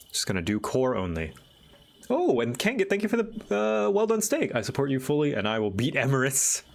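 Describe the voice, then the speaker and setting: A man hosting a livestream, chatting casually and thinking aloud in a halting, musing way. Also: on the low side, creaky. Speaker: livestream host.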